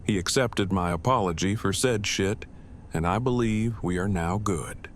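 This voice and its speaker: Audio drama part: nerdy, deadpan man male actor, lowish pitch, stiffly formal and long-winded, some ambience. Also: normal speed, close to an everyday voice. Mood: earnest, measured. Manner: stilted, wordy, formal, deadpan. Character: Eugene, formal, verbose, earnest nerdy man. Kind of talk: acted audio drama dialogue. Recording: faint background ambient noise.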